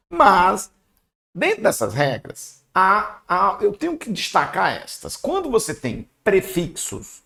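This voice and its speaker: A man's voice: sits high, creaky, fairly bright tone. A man teaching an exam-prep language lesson in a playful, chatty way, talking straight to his viewers.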